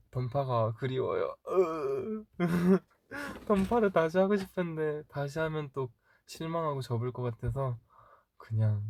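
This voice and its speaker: A mid-range male voice, recorded cleanly in the studio without echo, belongs to an idol livestream host in his twenties. Casual and chatty, he responds to fans' comments with quick laughs and rambling tales, now and then speaking softly to himself.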